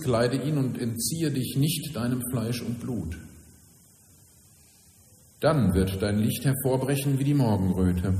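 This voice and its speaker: Pastor guy preaching in a church, mellow dark voice, lots of echo and long reverb. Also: mid-range voice. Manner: solemn declaiming reading, then plain conversational preaching. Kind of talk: scripture reading and sermon.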